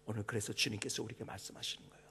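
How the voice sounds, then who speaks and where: A middle-aged man preaching a sermon as pastor, dropping to hushed whispers and rising to loud, impassioned cries. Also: fairly low pitch, level tone, racing, a little hiss or hum.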